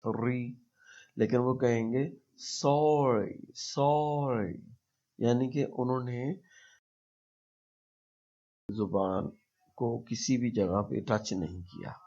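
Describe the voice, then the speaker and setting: Pakistani guy teaching pronunciation, really slow and careful, muffled lo-fi sound. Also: medium pitch, warm tone. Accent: Pakistani Urdu-speaking. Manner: slow, deliberate, repeats example words to demonstrate pronunciation. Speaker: English teacher. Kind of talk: explanatory language lesson. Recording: dull lo-fi recording.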